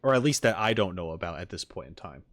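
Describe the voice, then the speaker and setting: On a livestream, a male streamer rambles and speculates while answering viewers, with music playing behind him. His voice is low, expressive, and fairly bright, he talks quickly, and there's no echo.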